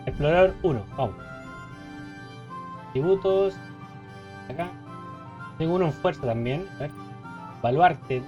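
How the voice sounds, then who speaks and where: A man's voice: on the high side, expressive, unhurried, long pauses, lo-fi sound, music in the background. A man with a Chilean accent giving casual, joking let's play commentary, reading game text aloud. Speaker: gaming streamer.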